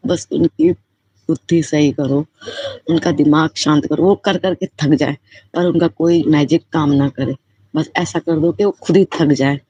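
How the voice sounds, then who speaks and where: A woman's voice: deep voice, steady tone, unhurried, warm tone, slightly rough. A woman giving a personal devotional testimony, speaking in a heartfelt, repetitive and fervently grateful way. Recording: slightly muffled lo-fi recording.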